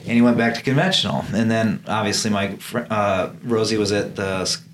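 A man's voice: on the low side, fairly even intonation, fairly quick, a little hiss or hum. A man, a putting coach, telling stories in casual chat and acting out what others said. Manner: anecdotal, acts out quotes, laughs often.

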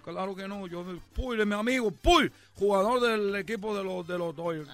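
Male host doing a rambling, bragging Cuban ballplayer type for radio comedy, high bright voice, faint music under it. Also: normal speed. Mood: defensive. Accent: Cuban Spanish put-on. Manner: boastful, rambling, calls everyone "chico". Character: boastful Cuban baseball fan character, adult man.

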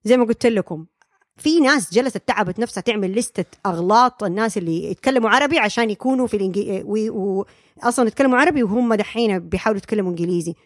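Fast-talking woman guest. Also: medium pitch, animated, dry recording, studio quality. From Saudi Arabia. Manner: explanatory, many fillers and restarts, slips into English terms. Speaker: speech-language pathologist guest. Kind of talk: casual podcast interview.

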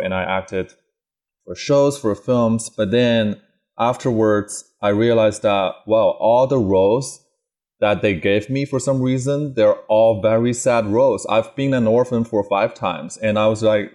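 A man's voice: fairly low pitch, a little mellow. A man on a film panel, a former actor, answering hesitantly with many fillers.

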